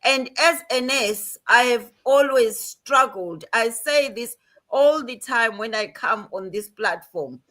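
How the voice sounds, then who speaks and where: A woman's voice: fairly high pitch, slow, a bit bright. An older woman, a nurse, speaking emphatically with warnings on a livestream panel. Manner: emphatic, cautionary.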